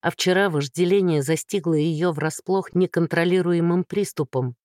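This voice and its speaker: A woman narrating an audiobook, reading at a slow, measured pace. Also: fairly low pitch, darkish tone, dry recording, studio quality. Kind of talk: scripted narration.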